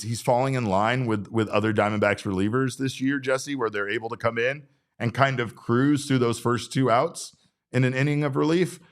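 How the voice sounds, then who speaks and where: A man in his forties hosting a casual sports talk show, rambling and breaking off his own sentences. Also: on the low side. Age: 40s. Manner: rambling, self-interrupting. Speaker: podcast host.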